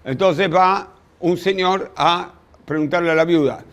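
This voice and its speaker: A man with a Rioplatense Spanish accent, a rabbi teaching a class, telling old stories in a lively way, with quick quoted voices and asides to his students. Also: sits high. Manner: addresses students directly with asides. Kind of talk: storytelling lecture.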